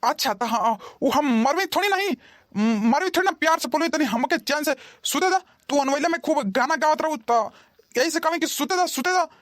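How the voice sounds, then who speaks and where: A woman's voice: high voice, animated, normal speed, dry recording, clean studio sound. A woman voicing an aging cartoon husband who coaxes his wife and stammers through excuses, with a Bhojpuri accent. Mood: pleading. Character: aging husband, pleading and wheedling. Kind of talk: cartoon voice acting.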